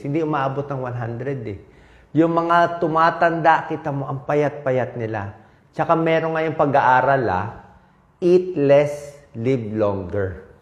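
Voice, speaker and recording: A man's voice: mid-range voice, dull audio. A man with a Filipino accent giving casual health advice as a doctor, talking conversationally and often checking in with his listeners. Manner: conversational, frequent "okay?" and "di ba?" check-ins. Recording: roomy echo.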